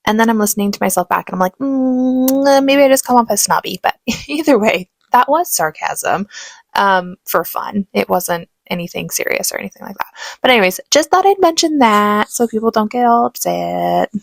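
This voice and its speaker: A woman giving relaxed voice-over commentary on her painting tutorial, chatty and self-aware. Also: medium pitch, moderate pace, creaky, dry recording. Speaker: art tutorial host.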